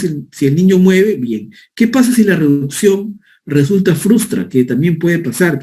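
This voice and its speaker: A man's voice: fairly high pitch, mellow. A man giving a medical lecture, explaining step by step and often checking in with his listeners. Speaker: physician lecturer.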